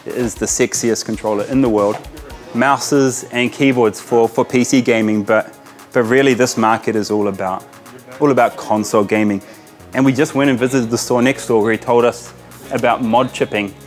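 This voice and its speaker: Soft background music plays as a man with a steady, mid-range voice speaks at normal speed. The New Zealand vlogger chats enthusiastically through casual commentary in small game shops at a Pakistani market, sprinkling in Urdu greetings and interjections.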